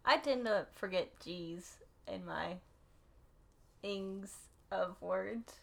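A woman's voice: mid-range voice, creaky. A woman co-hosting a podcast, bantering playfully in casual chat. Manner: playful, quick back-and-forth banter. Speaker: podcast co-host.

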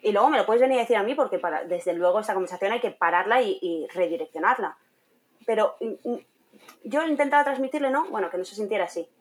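In a casual interview, a young content creator who is also a trainee teacher tells a story fast in a mid-range voice. Animated throughout, she laughs often and dramatizes each quoted voice.

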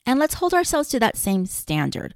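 A woman's voice: a little high, very animated, moderate pace, dry recording, clean studio sound. Blunt, profane woman podcast host. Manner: direct address to listeners. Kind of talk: casual advice podcast.

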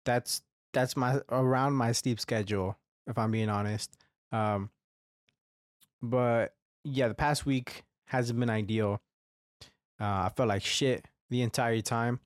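Speaking slowly with a steady tone at medium pitch, a young man hosts his own casual podcast. He wanders from point to point, curses a great deal and restarts frequently, his throat slightly congested and phlegmy. The studio-quality audio has no room sound.

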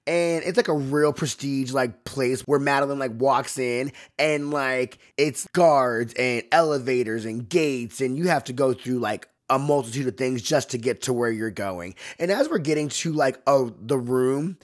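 A man hosting a podcast, recapping a movie in a casual, campy way, full of "like" and acted-out quotes. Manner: chatty, campy, fillers like "like"; acts out characters' lines in higher voices. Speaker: podcast host.

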